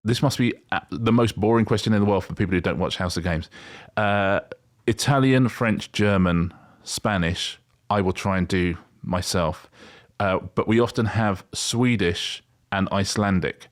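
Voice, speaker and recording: His voice sits on the low side and moves at a normal speed as the middle-aged co-host chats wryly and casually on the podcast, rambling and starting over often.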